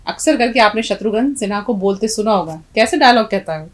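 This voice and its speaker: A woman's voice: medium pitch, animated, rough recording. A middle-aged woman teaching a language lesson, patiently explaining letters and quizzing her students. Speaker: Urdu teacher.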